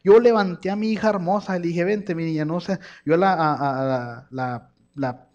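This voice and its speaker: Animated pastor, lo-fi. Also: male voice, on the high side, normal speed. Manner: storytelling, animated, voices his baby's cries. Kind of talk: sermon.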